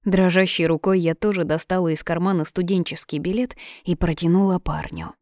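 Brief: female audiobook narrator, lively and dramatic, slightly low voice. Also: a little fast, no room sound, clean studio sound. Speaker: audiobook reader.

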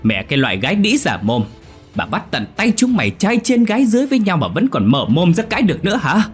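A vicious middle-aged mother-in-law, put on by a male storyteller, screaming abuse in a shrill, lifted voice. The pitch swings wildly and loudly with a faint music bed under it, as in a dark audio story. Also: wildly swooping pitch, fast, slightly rough, exaggerated voice. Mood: furious screaming.

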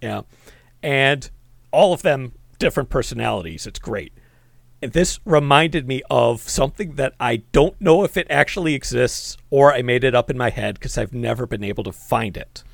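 A man co-hosting a casual movie-review podcast, animated and quick to react. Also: mid-range voice, vocal fry, dry recording, studio quality. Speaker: podcast co-host.

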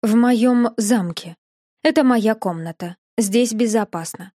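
A woman voicing a gentle, remorseful young man who speaks softly and tenderly in an audiobook. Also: fairly high pitch, slow pace, no echo, studio quality. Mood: calm. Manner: soft, quiet, tender.

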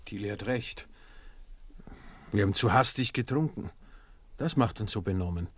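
An actor playing a gruff, blunt grown man in a radio play, speaking plainly and bluntly. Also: on the low side, normal speed. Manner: blunt, lively intonation.

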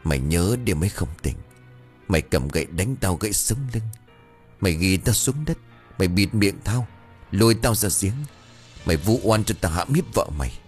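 A man's voice: sits low, expressive, normal speed, faint music behind. A man voicing a vengeful male ghost who speaks in a cold, accusing voice through a possessed old man.

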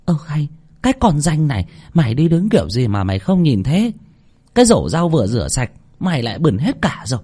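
A man voicing an older female cook who scolds in quick bursts, in a read-aloud story. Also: mid-range voice, very animated, warm tone, slightly rough, heavily acted. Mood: scolding. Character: older woman cook, sharp-tongued, scolding.

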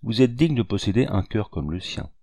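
A man's voice: lowish voice, lively intonation, fairly quick, warm tone, dry recording, clean studio sound. A man reading the part of a lovesick young nobleman in an audiobook, earnest and dignified. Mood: resigned.

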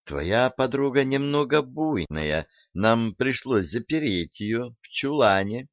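A man voicing a calm female angel leader who speaks softly and placatingly. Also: mid-range voice, slow, no room sound. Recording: dull, dry audiobook recording.

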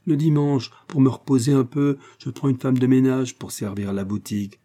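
A man's voice: medium pitch, steady tone, moderate pace, warm tone, pitched above the performer's own voice, close to an everyday voice. A man voicing a talkative, fussy elderly woman fruit-seller in an audiobook. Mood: insistent, fond. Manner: eager, talkative, effusive.

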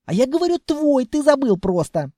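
A squeaky, whiny little girl full of mischief, as a man puts her on in an audiobook. She squeals high above the reader's own voice, her pitch leaping around. Dry, close sound. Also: sing-song, moderate pace, warm tone, no echo. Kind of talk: audiobook character voice.

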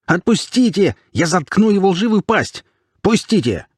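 A man's voice: fairly high pitch, big pitch swings, normal speed, darkish tone, breathy edge, no room sound, studio quality, voice pushed up. A man voicing a shifty, swearing male looter who whines and squeals when cornered, in an audiobook. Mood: shrieking. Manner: whiny, squealing, cornered and aggressive. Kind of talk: audiobook character voice.

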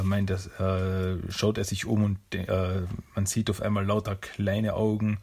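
Man, low voice, gravelly, husky, hesitant casual retelling. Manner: hesitant, full of fillers. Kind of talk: casual retelling of a cartoon episode.

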